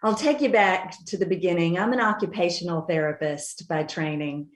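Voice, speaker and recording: A woman's voice: lowish voice, moderate pace. Interview guest: middle-aged woman, Western North Carolina Appalachian accent, explaining conversationally, recorded with noticeable room echo. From Western North Carolina mountains, USA. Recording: roomy, echoing sound.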